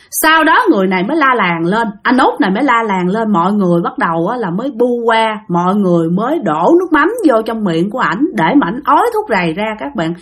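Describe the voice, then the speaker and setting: A woman with a Southern Vietnamese accent tells a ghost story in a chatty, direct-address way. Her voice is fairly high and swings through a very animated pitch range. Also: breathy edge. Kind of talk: spoken ghost story narration.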